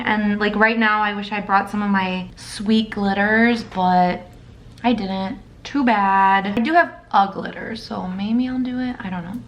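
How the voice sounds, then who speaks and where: A raspy-voiced woman in her thirties, chatting casually as she walks through a makeup tutorial. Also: mid-range voice. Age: 30s. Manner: rambling, chatty, narrating as she works. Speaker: makeup vlogger.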